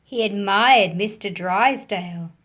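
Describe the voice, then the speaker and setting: An Australian woman hosts a children's read-aloud in a mid-range voice with a fairly bright tone. She tells and explains stories using simple, measured phrasing and draws in her listeners with questions.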